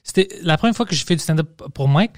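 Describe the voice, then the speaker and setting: Un homme qui anime un podcast en conversation détendue, jurant volontiers et glissant des mots anglais dans son français. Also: male voice, fairly high pitch, expressive, quick pace, no echo, clean studio sound. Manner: casual, swears freely, mixes English words into his French. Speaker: podcast host. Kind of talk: casual conversation.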